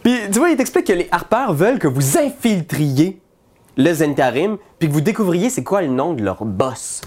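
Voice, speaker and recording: A man's voice: a little high, big pitch swings, normal speed, a little mellow. A man with a Quebec French accent narrating a tabletop game as game master, in a loose, chatty way. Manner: casual, full of fillers.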